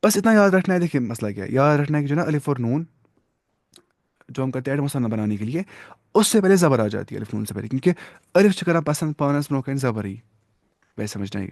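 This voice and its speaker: With medium pitch, lively intonation, and a slightly mellow quality, a man teaches Arabic, patiently quizzing his students and praising their answers while using English words in his explanations. It's a classroom-style lesson, recorded dry at studio quality.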